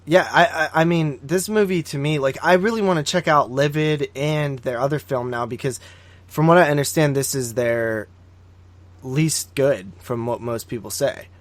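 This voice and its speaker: With a mid-range voice at normal speed and no room sound, a horror podcast host reviews films casually, full of slang, swearing and repeated "like" and "dude."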